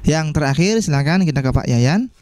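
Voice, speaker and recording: A man's voice: a little high, a little fast, darkish tone, slight background noise. A man teaching beginner Arabic in an online class, encouraging students and ending phrases with a questioning "ya". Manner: encouraging, frequent "ya" tags.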